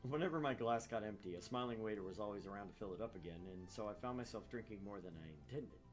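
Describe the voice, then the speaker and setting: On his gaming channel, a man with a fairly low voice talks quickly, reading visual novel text aloud and joking with plenty of casual swearing. He's in a room at home without soundproofing, speaking into a shared open mic that picks up background noise and music.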